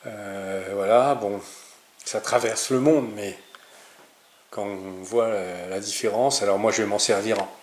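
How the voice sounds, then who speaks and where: A channel host walks through a hands-on DIY tutorial informally, improvising with hesitation and frequently correcting himself. His voice is low-ish, steady, and a little slow, recorded with roomy echo, noticeable background noise, and clicks.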